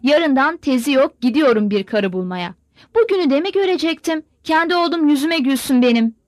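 A woman's voice: sits high, animated, a little fast, dry recording, studio quality. A woman reader voicing a raging, cursing old Cossack father who roars threats at his son. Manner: roaring, cursing.

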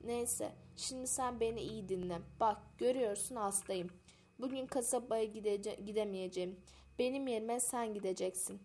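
A woman's voice: on the high side, moderate pace, darkish tone, a little hiss or hum, natural voice. A woman voicing an ill village father who scolds his son with exasperated sighs.

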